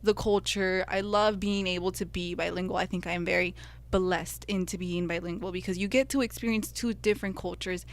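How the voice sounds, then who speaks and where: With a fairly low, evenly inflected voice and a slightly fast pace, a young U.S. podcast co-host who grew up speaking Spanish talks sincerely and warmly about her own experiences.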